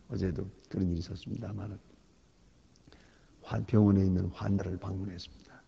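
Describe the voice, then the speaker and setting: A male pastor delivers a sermon with a low, gravelly, husky voice that rises and falls over a wide pitch range. He swings from loud emphasis to near-whispered asides. The lo-fi recording carries a long church-hall reverb. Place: church sanctuary.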